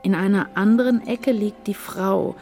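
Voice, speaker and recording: A woman narrating in the first person in a dramatic literary reading, intense and halting. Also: medium pitch, darkish tone, faint music behind.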